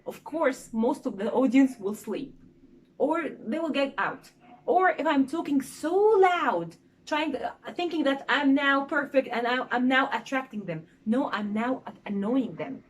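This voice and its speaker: Young Egyptian Arabic-speaking woman, English tutor, fairly high voice, animated with lots of "okay?" checks, faint background noise. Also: normal speed. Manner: lively, demonstrative, frequent "okay?" and "uh" fillers. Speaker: English teacher. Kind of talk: casual English lesson on presentation skills.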